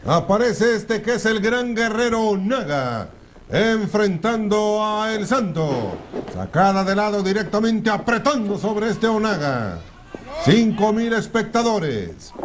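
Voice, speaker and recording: A man's voice: high voice, lively intonation, slow pace, noisy background. A man with a Mexican accent giving florid, grandiloquent wrestling commentary as a lucha libre announcer.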